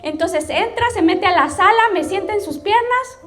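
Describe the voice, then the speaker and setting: Mexican woman pastor, high voice, personal testimony over music, chatty storyteller. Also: expressive, normal speed, fairly bright tone. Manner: storytelling, addresses the audience directly with frequent "¿ok?".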